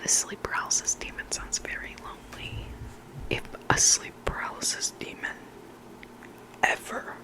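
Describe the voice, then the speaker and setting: Close to the microphone, someone whispers creepy listener-submitted anecdotes in ASMR reading style, occasionally repeating words. The pace is normal and the recording rough.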